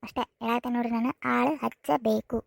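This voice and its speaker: A woman plays an indignant, spoiled young wife in a cartoon comedy, whining and going over her complaints again and again in a North Karnataka Kannada accent. Lightly acted, her high, slightly mellow voice moves at a quick pace, recorded in studio quality without echo.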